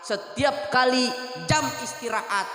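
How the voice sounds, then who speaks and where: A man's voice: extremely high pitch, measured pace, sharp tone. A young man from Lampung preaching a storytelling sermon, acting out voices and quizzing his audience. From Lampung, Indonesia. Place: religious foundation event hall. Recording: echoey hall with long reverb.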